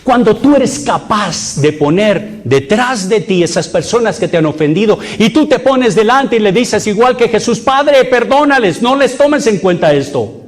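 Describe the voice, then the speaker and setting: A middle-aged man preaching as a priest, emphatic, repeating phrases and putting questions to the congregation. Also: high voice. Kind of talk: sermon.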